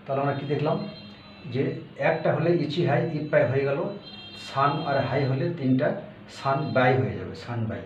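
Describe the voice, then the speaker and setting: A man teaching a language lesson, explaining step by step and repeating each word slowly, with fillers. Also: medium pitch, expressive. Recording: echoey room, far from the mic, dull with faint hiss.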